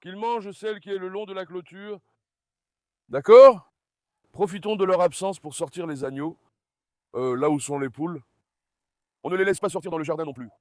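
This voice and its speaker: A man's voice: sits high, normal speed, pauses often, dry recording, clean studio sound. A man vlogging from his farm in a casual, chatty way, coaxing his animals fondly. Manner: chatty, coaxing and fond when talking to animals. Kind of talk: casual vlog narration.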